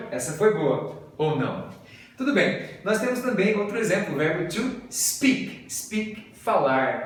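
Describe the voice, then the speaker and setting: A man's voice: a little high, distant mic. A Brazilian man with a Brazilian Portuguese accent, an English teacher giving a video lesson and patiently drilling pronunciation. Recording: very echoey room, voice off-mic.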